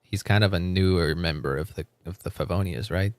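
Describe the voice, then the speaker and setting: A livestream host with a low voice gives brisk, casual, chatty commentary on a video game, reacting aloud and reading bits of on-screen text. There's no room sound.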